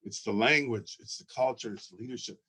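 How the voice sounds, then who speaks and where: Man presenting slides, earnest, excited, repeats himself, mid-pitched voice. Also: a little fast. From Ojibwe, from Minnesota. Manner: earnest, excited, repeats words while searching. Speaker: school founder presenting.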